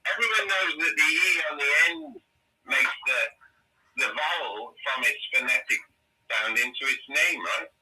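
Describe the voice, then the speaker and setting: A man from South Birmingham, chatting casually and arguing playfully and excitably. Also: mid-range voice, normal speed, noisy background. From South Birmingham, England. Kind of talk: casual group chat.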